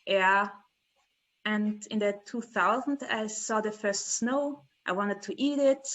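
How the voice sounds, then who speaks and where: A woman in her twenties from the Dominican Republic, a podcast guest talking in a halting way, searching for words. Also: mid-range voice, fairly bright tone. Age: 20s. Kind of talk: casual interview chat.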